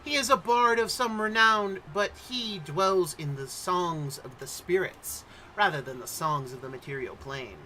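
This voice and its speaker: A man's voice: sits high, a little slow, bright, forceful tone, a little hiss or hum, rough recording. A man hosting as game master, introducing and narrating a tabletop game like a theatrical storyteller.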